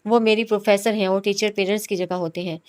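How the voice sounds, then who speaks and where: A woman's voice: medium pitch, steady tone, smooth, no echo, natural voice. A woman voicing a cheeky young university student who grumbles at his friends, in an audiobook reading. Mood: grumbling.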